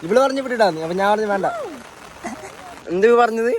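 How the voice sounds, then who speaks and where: Fast-talking man vlogging on a rainy trail. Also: high-pitched, expressive, some chatter behind, slight background noise. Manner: chatty, addresses viewers as guys. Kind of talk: casual travel vlog commentary to viewers. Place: rainy hillside trail outdoors.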